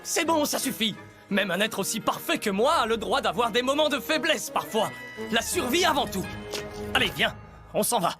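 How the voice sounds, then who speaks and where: A woman's voice: fairly high pitch, very animated, moderate pace, over music. A woman voicing a vain, cowardly disgraced male hero in an anime dub, brusque and boastful.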